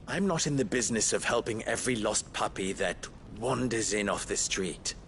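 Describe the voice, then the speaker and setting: A man's voice: lowish voice, animated, a bit bright, slight background noise. A man playing a smug, swaggering young merchant in a mocking, pompous, theatrical period fantasy drama style. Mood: smug, condescending. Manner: mocking, pompous, drawn-out delivery.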